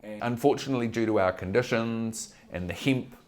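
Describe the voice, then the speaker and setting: A man's voice: mid-range voice, fairly quick. A man with a New Zealand accent chatting casually in an interview in an informal, blunt, slangy way. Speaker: political candidate and cannabis advocate being interviewed.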